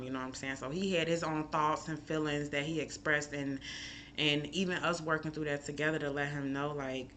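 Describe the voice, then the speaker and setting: A woman from Chicago talks in a casual vlog, open and emotional, drifting from thought to thought with plenty of "like" and "um." Her voice has a bright, forward edge, with faint background noise behind it. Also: low-pitched. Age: adult with a school-age son. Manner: candid, emotional, rambling with many fillers. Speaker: chef and mom. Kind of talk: casual personal vlog talk.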